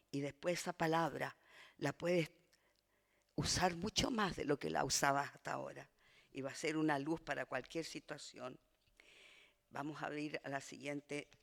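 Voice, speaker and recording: A man teaching a church discipleship class in an earnest sermon style, dropping to a hush on key phrases and building when he exhorts. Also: a little high, big-room sound.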